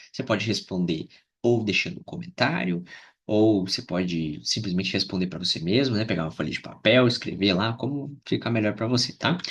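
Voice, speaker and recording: A man teaching English grammar, slowly drilling example phrases and checking in with the learners often. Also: on the low side, a bit bright, breathy edge. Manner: slow deliberate drilling of example phrases, frequent "né?" and "tá?".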